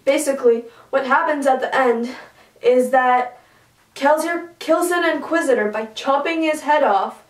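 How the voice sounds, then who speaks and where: A young woman giving a casual, chatty book talk, excitable with quick asides. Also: high voice. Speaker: book reviewer. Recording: roomy, from a distance.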